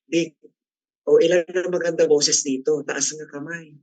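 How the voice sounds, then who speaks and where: A middle-aged man runs a relaxed classroom discussion. His voice sits a little high, and the sound is dry and close. He is chatty and teasing and keeps asking the group questions. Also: measured pace, no room sound, low-quality recording. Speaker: class facilitator.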